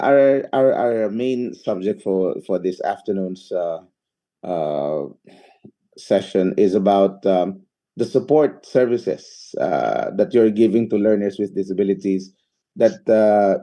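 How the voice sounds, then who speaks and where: A man hosting an interview, asking long halting questions full of uhs and repeated words. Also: lowish voice, warm tone. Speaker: interview host.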